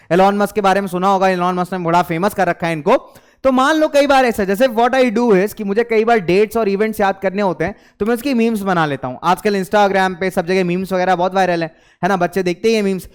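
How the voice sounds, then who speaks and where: A man's voice: high voice, clear, resonant tone. A young man teaching schoolchildren study tips, coaxing and repeating his key points, with English phrases mixed into his talk.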